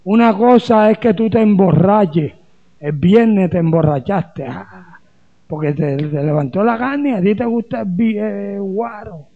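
A man's voice: sits high, lively intonation, a little slow, vocal fry, narrow, tinny audio. A man from Colombia, a pastor preaching a sermon with humor and rhetorical questions.

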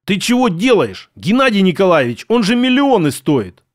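A man's voice: high-pitched, animated, normal speed. A man reading an audiobook, voicing a sullen, scornful male tech genius who snaps at others. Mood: furious. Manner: snapping, scornful.

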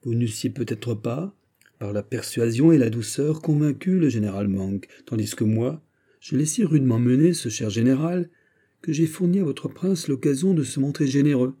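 A man voicing a proud, witty Gascon musketeer, animated and wry, in an audiobook reading. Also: mid-range voice, moderate pace, pitched above the performer's own voice, lightly acted. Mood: wry, bitter.

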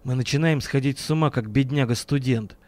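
A man voicing a gruff, volatile male bodyguard in an audiobook, blunt and low-muttering. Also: brisk, darkish tone, dry recording, close to an everyday voice. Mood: subdued.

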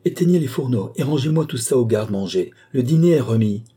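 A man voicing an agitated woman of the house who gives sharp, shrill orders in a storybook reading. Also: expressive, a little fast, slightly rough. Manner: shrill, commanding.

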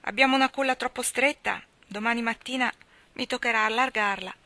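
A woman's voice: mid-range voice, lively intonation, moderate pace, bright, forceful tone, dry recording. A woman reading aloud, voicing a kindly, hardworking farmer father in a hearty, emphatic manner.

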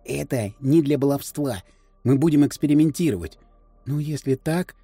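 A man's voice: mid-range voice, normal speed, dark tone, slightly rough, no room sound, soft background music. A man voicing a cocky, inventive schoolboy who talks brusquely and bosses his friend around in an audiobook. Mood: conspiratorial. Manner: brusque, eager, bossy. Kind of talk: audiobook character voice.

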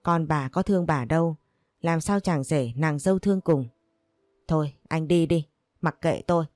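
A woman's voice: low-pitched, normal speed, a little mellow, no echo, clean studio sound, faint music behind, natural voice. A woman voicing a bitter, controlling older mother who scolds her son and pities herself. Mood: scolding. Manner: scolding, self-pitying.

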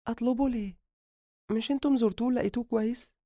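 Give me a man putting on a gentle, anxious young woman in a storybook, Egyptian accent, her voice raised high and kept soft and low in level, with a quick, dry delivery. She sounds quiet and subdued. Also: fairly even intonation, no echo. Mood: worried.

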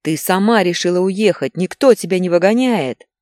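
A woman reading the part of an angry, exhausted husband and father who shouts harshly. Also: lowish voice, very animated, moderate pace, dry recording, clean studio sound. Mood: furious.

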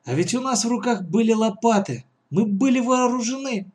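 A man performs the role of a worried, caring boy, pitching his voice above his own natural range. The result is high-pitched, very animated and a little mellow, delivered at a normal speed.

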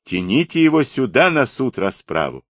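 A man voicing a shouting Cossack ataman. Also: on the low side, very animated, unhurried, breathy edge, dry recording, clean studio sound, pitched above the performer's own voice, exaggerated voice. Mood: angry, commanding. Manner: shouting orders. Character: commanding Cossack ataman man, quick-tempered and pushy.

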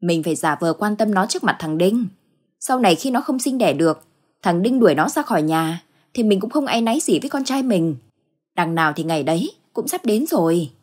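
A woman's voice: mid-range voice, lively intonation, a little fast, breathy edge. A woman voicing a scheming, cruel older mother-in-law who puts on a sweet tone. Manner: sly, feigned sweetness.

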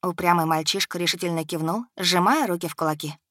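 A woman's voice: fairly low pitch, fast, no echo, studio quality. A woman reading a first-person audiobook in a dramatic, tense storytelling manner. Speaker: audiobook reader.

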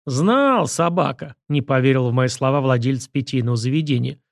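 A man reading a novel in first person, in a measured and even scripted narration. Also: medium pitch, no room sound, studio quality. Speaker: audiobook narrator.

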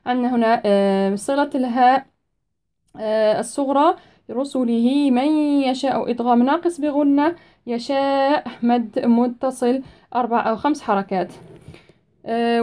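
A woman teaching Quran recitation rules, reciting verses slowly in a chanted style and explaining each rule plainly, with frequent hesitant fillers. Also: on the high side, mellow.

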